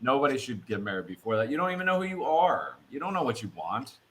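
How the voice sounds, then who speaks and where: Lively bright-voiced man. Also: medium pitch, fast talker. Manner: animated, joking asides. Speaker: podcast co-host. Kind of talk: casual chat.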